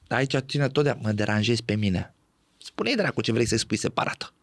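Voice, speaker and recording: A man speaking as a podcast guest in animated conversation, often laughing and acting out what others say. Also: medium pitch, no echo. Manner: animated, acts out quoted speech, laughs often.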